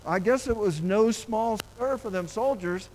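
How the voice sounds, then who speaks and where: A fairly high-pitched man preaching, reading scripture verse by verse with folksy asides. He gets animated and excitable and acts out the people in the story. A faint hum of noise sits behind him. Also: a little slow, poor audio. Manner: folksy, informal delivery with restarts and asides.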